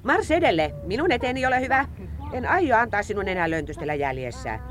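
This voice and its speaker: An actress in a 1960s radio play voicing a brisk, commanding magical nanny. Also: female voice, mid-range voice, big pitch swings, crowd noise, lightly acted. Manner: brisk, bossy.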